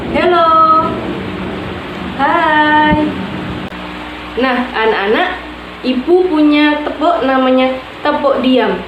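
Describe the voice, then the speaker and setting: Woman, teacher, high voice, cheerful drawn-out chanting, echoey noisy room. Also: lo-fi sound. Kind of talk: leading classroom clapping chants. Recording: echoey room with steady background noise.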